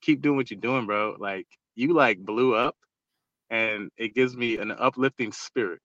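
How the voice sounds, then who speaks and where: A man's voice: medium pitch, unhurried, fairly bright tone, no room sound, lo-fi sound. A male caller on a call-in show, enthusiastic and slangy, turning preachy at times. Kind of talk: casual call-in chat.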